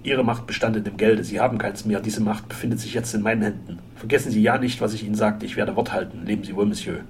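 A man voicing a burly, blunt French henchman who speaks gruffly and issues menacing warnings in a storybook reading. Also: on the low side, fairly even intonation, fast, a little hiss or hum, natural voice. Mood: stern.

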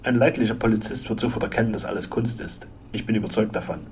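A man voicing a burly, blunt French henchman who speaks gruffly and issues menacing warnings in a storybook reading. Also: on the low side, fast, a little mellow, slight background noise, lightly acted. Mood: superior.

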